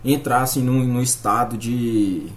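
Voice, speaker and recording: A man with a Brazilian accent discussing casually, halting often and peppering his explanations with tag words. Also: mid-range voice, fairly even intonation. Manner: halting, filler-heavy explaining with frequent "né" and "tipo". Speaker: podcast guest. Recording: faint background noise.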